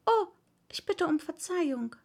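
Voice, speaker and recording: A woman's voice: extremely high pitch, expressive, a little slow, voice pushed up, full character voice. A woman voicing a polite, curious little girl in a read-aloud story, eager and chatty, sometimes apologetic. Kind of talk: audiobook reading.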